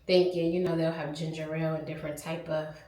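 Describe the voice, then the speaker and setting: This young travel vlogger has a low, warm voice, stuffed-up and nasal, speaking fast in a level tone. Filming herself on her phone at a resort on vacation, she chats candidly with viewers she calls "y'all," in a roomy-sounding space.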